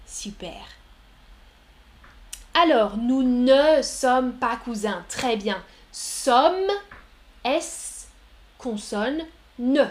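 A woman's voice: high voice, a bit bright. A woman from France teaching French in a live online lesson, repeating words one by one and replying to viewers' chat. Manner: slow, deliberate, repeats single words for learners; reads and answers viewers' chat messages.

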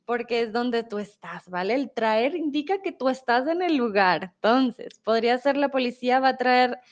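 A woman's voice: on the high side, animated, moderate pace, muffled recording. A young woman teaching a live online Spanish lesson, reading out viewers' comments with patient encouragement and frequent laughter.

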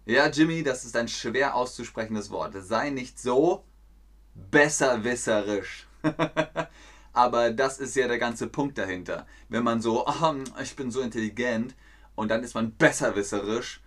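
A man's voice: medium pitch, a little slow, fairly bright tone. A man hosting a live-streamed German lesson, playful and talking to chat viewers by name. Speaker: German teacher hosting a livestream.

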